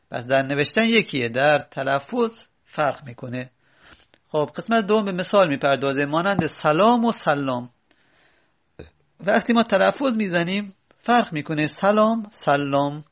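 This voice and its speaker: Man, gravelly voice, a bit high-pitched, gives a patient textbook lesson and spells out letters and word roots. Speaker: teacher. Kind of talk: textbook lesson on hadith terminology.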